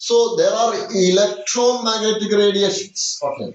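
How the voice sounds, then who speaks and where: Slow-talking Malayali man teaching a lesson. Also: high voice, fairly even intonation, roomy sound, dull audio. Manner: mixes English with Malayalam, slow and repetitive, with many "okay"s. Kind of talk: classroom lecture.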